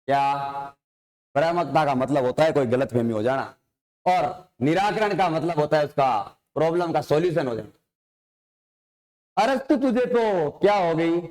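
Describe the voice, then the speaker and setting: Guy teaching a science class, keeps asking a question then answering it himself, voice a bit on the high side. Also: expressive, normal speed, pauses often, darkish tone. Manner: informal, addresses figures with tu. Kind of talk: online coaching-class lecture.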